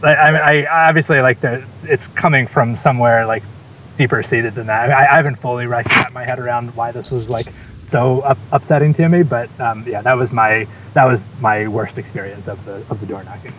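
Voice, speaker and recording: Halting man telling a story. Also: medium pitch, fairly even intonation, fairly bright tone, a little hiss or hum. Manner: halting, many restarts and fillers. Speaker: campaign volunteer. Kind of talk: casual storytelling.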